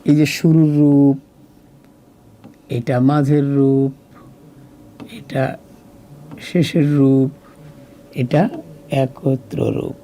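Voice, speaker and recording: A man's voice: medium pitch, little pitch movement, mellow, slight background noise. A man with a Bangladeshi Bengali accent teaching a children's Arabic lesson, patiently drawing out each word. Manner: patient, drawn-out word-by-word pronunciation. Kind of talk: slow recorded lesson walkthrough.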